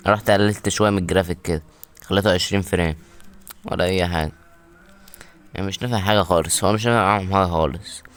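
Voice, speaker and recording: Fast-talking Egyptian man opening game packs. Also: low-pitched. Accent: Egyptian Arabic. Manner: excited, repetitive muttering while opening packs. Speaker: mobile gaming YouTuber. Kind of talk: casual gameplay commentary.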